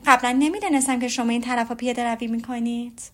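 Witty young lady from an audiobook, teasing and ironic, read by a woman, a bit high. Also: lightly acted. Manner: ironic, lively questioning.

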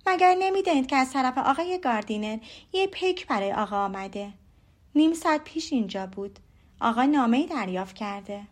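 A woman's voice: high voice, expressive. A woman voicing an astonished housekeeper. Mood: surprised. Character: surprised middle-aged housekeeper. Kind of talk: audiobook character voice.

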